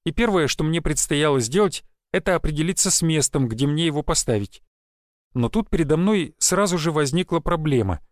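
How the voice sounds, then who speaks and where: A man narrating a first-person fantasy audiobook in an even, wry, matter-of-fact way. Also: fairly high pitch, fairly quick, dry recording, studio quality.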